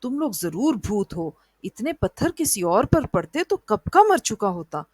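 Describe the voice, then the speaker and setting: A woman's voice: sing-song, a little slow, darkish tone, husky, no room sound, studio quality. A woman voicing a sly, vengeful female cat who gloats and snaps in a storybook tale. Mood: angry. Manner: shrill, gloating and spiteful.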